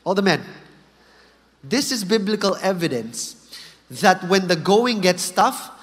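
A man with a high voice gives a playful sermon, teasing his listeners and pushing them to reply. His words ring out with a long reverb, as if recorded in a large hall. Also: big pitch swings, unhurried, a bit bright. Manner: joking, asks the crowd to answer. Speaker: preacher. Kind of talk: sermon to a live audience.

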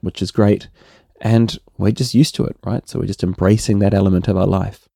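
A middle-aged man with a New Zealand accent, hosting a relaxed solo podcast and often tagging his points with "right?". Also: low voice, gravelly, no echo, clean studio sound. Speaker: podcast host.

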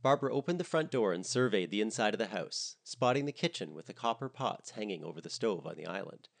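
A man narrating a comedic storybook in a wry, expressive manner. His voice is lowish and swings widely in pitch. He reads with lively timing. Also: fast, vocal fry.

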